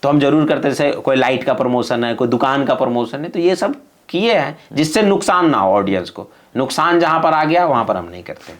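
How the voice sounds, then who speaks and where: A man's voice: mid-range voice, animated, a little fast. A man giving earnest, rustic advice in a casual podcast interview. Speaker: YouTube creator guest.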